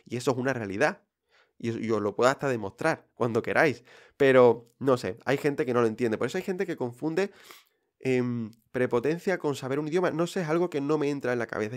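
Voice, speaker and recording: A man with a Spain Spanish accent hosting a podcast, talking directly and reassuringly with many fillers. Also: medium pitch. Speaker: podcast host. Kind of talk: casual podcast monologue.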